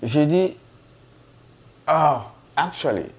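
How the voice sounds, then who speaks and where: Slow, hesitant male storyteller. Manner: animated, laughing, high-pitched put-on voices for quoted people; slow, hesitant delivery with many fillers. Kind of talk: comic storytelling.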